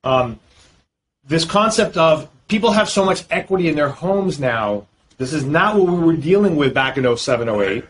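A man with a higher-pitched voice and lively intonation speaks at a moderate pace as a guest on a podcast. He's a real estate lawyer from Boston who explains things fluently and at length, with frequent fillers. Slight noise can be heard behind him.

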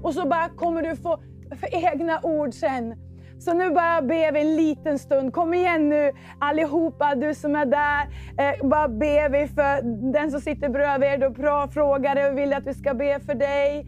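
A woman's voice: high voice, fairly even intonation, darkish tone, dull audio, soft background music. A woman preacher giving a fervent, informal sermon to a congregation. She mixes plain talk and filler words with praying aloud in tongues. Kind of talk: charismatic sermon with prayer. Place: church meeting before a congregation.

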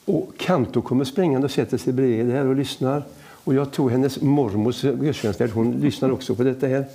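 A middle-aged man tells anecdotes in a relaxed conversation, slipping into the voices of the people he quotes. His voice is gravelly and husky, with a mellow, dark tone. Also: mid-range voice. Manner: lively storyteller who acts out quoted dialogue. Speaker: evangelist guest.

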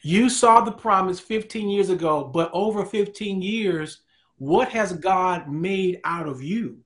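A man's voice: high voice, a little slow, fairly bright tone. A man hosting a faith talk show, speaking in an emphatic, preacherly way and addressing the audience directly.

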